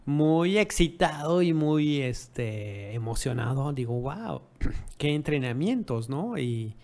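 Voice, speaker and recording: A man's voice: on the high side, animated, slow pace, a little mellow. A man giving dog-owning advice in a casual monologue, often ending remarks with rhetorical tag questions and acting out what people said. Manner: rhetorical tag questions, acts out quoted dialogue.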